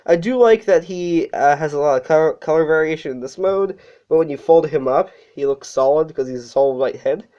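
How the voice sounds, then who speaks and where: Sick, breathless toy reviewer, mellow tone. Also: medium pitch, fairly quick. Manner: casual, with fillers and self-corrections. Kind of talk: casual hands-on review. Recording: dull lo-fi recording.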